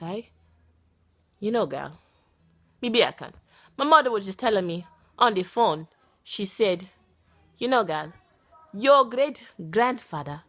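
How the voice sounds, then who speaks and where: A woman's voice: on the high side, no echo. A playful, dramatic woman from the United States in her thirties chatting casually in her vlog. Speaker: vlogger.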